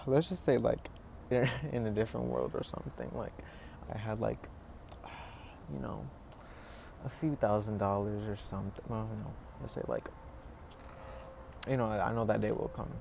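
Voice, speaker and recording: A man's voice: fairly low pitch, measured pace, gravelly, pauses often, a little mellow. Rambling young man in his twenties. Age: 20s. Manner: rambling, full of "like" and "you know", restarts. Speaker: vlogger. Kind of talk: casual reflective monologue. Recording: noisy background ambience.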